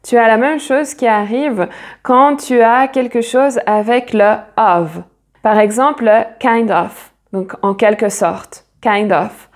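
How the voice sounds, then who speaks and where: A woman's voice: on the high side, slow pace. A woman teaching a casual video lesson, explaining step by step and repeating each phrase. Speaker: English teacher.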